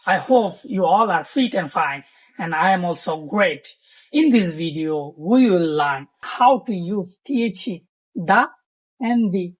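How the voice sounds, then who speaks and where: A woman with a Bengali accent teaching English grammar, explaining slowly and deliberately, spelling out examples. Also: medium pitch. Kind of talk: language lesson.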